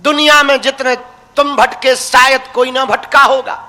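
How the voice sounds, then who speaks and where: A man's voice: very high voice, flat delivery, moderate pace, pushed and bright. A young man preaching a devotional sermon, teasing and folksy, calling his listeners his crazy ones. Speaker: religious preacher. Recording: long hall reverb.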